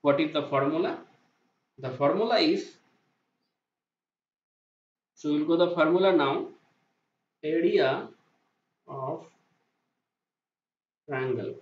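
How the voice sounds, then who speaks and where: Slowly and repetitively, a man teaches a welding calculation on a digital whiteboard, asking questions and then answering them himself. He's a welding inspection instructor with a slightly high voice, recorded as a voice-over to the screen drawing in roomy, dull lo-fi sound.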